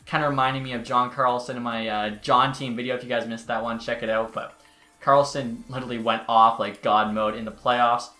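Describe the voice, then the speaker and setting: A man's voice: medium pitch, level tone, fairly quick, sharp tone, soft background music. A man giving casual gameplay commentary as a YouTuber, chatty with exasperated outbursts. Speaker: gaming YouTuber. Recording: roomy echo.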